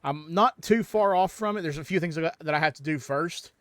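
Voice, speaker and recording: A man's voice: on the high side, a little fast, dry recording. A man streaming a game from home, chatting casually into a headset mic and rambling with lots of ums and restarts. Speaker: livestream gamer.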